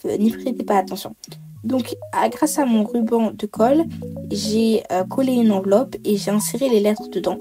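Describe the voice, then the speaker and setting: A woman giving a chatty craft tutorial voice-over, explaining each step with frequent hesitations. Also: medium pitch. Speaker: bullet journal creator.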